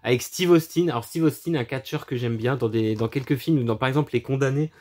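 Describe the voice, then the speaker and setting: A man's voice: mid-range voice, brisk. A man chatting casually about his film collection, crude and profane, mocking with frequent laughs. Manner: laughs often, animated asides. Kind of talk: casual chat.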